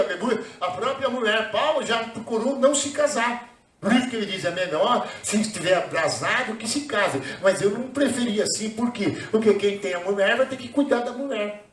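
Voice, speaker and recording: Brazilian pastor guy, fairly high voice, preaching hard, lots of hallelujahs, sounds far from the mic. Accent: Brazilian Portuguese. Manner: emphatic preaching with frequent hallelujahs. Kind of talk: sermon. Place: church hall. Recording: roomy echo, voice from far off.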